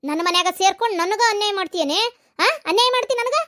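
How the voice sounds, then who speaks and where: Woman doing a shrill fierce mother-in-law. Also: lively intonation, fast talker, heavily acted. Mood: angry scolding. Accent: North Karnataka Kannada. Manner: harsh, accusing, loud scolding. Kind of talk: cartoon voice acting.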